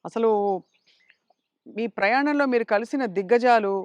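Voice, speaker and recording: A woman's voice: fairly high pitch, normal speed, no echo. A woman hosting a casual interview, prompting her guest and agreeing with short hums. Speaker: interview host.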